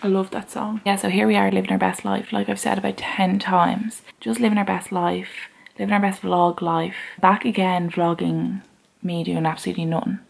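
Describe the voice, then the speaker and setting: A woman talks casually to the camera she is filming with at home. Her voice has a gravelly fry to it. She rambles along, teasing herself in a playful, self-mocking way. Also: mid-range voice, level tone, normal speed. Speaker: vlogger. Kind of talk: casual self-filmed vlog chat. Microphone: camera she is talking into.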